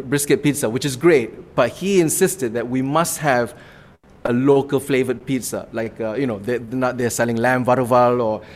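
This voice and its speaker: A comedy club owner with a Malaysian accent recounts his story during an interview. His medium-pitched voice sounds earnest as he rambles, occasionally breaking into laughter.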